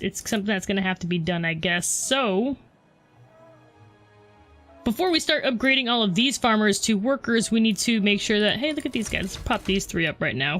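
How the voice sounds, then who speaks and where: A woman talks through her game in a loose, chatty way, often turning to her viewers and poking fun at her own mistakes. Her voice sits at a middling pitch. Soft game music plays faintly underneath. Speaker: let's play host. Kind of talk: casual gameplay commentary.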